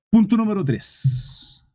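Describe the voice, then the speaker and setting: A male pastor preaching with emphasis, often repeating his points and speaking directly to the church. His voice is fairly high for a man but warm and mellow. The recording is close and dry, with no room sound. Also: husky, no room sound. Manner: emphatic, repetitive, addresses the congregation directly. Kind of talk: sermon.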